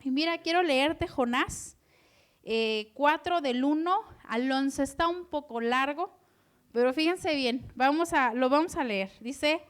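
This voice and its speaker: High-voiced woman preaching a sermon. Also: unhurried. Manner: animated, asks the audience questions.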